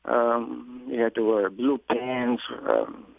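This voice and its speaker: A middle-aged man from Greece with a Greek accent, a guest speaking in a relaxed, wry way with many fillers. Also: medium pitch, slow, gravelly, dry recording. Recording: tinny phone line.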